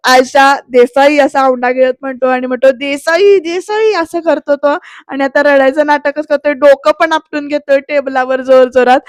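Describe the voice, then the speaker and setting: A woman recaps a TV serial episode in voice-over, retelling each scene and calling out to her viewers. Her voice is high and fairly flat in pitch. It is recorded dry on a close mic. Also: dry recording. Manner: lively storytelling, addresses viewers directly. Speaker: serial reviewer.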